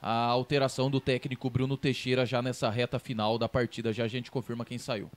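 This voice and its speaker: A man with a Brazilian accent giving live football analysis as a match reporter, repeating words haltingly as he explains. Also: medium pitch, little pitch movement.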